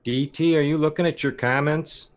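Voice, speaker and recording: A man's voice: fairly high pitch, steady tone, moderate pace. Wry man chatting on a video call. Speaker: caller. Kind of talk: casual video-call chat.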